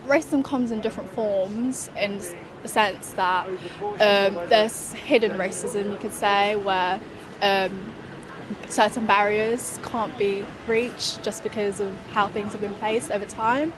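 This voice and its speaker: A woman answering a street interview, pausing and searching for words as she speaks. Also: medium pitch, fairly even intonation, a crowd in the background, poor audio. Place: outdoors on a city street. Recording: street noise outdoors.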